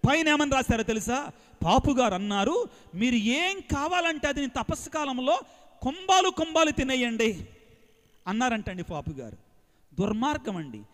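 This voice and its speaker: High-voiced preaching priest with hall reverb. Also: male voice. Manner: lively call-and-response preaching, mixing English phrases. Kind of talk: sermon to a large congregation. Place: large outdoor gathering.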